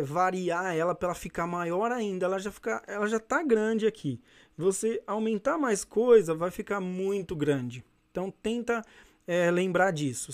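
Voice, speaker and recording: Brazilian male English teacher, high voice, relaxed explainer who keeps checking in with students. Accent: Brazilian Portuguese. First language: Portuguese. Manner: friendly, checks in with "beleza?" and "né?"; reads English examples slowly and deliberately. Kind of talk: casual explanatory lesson.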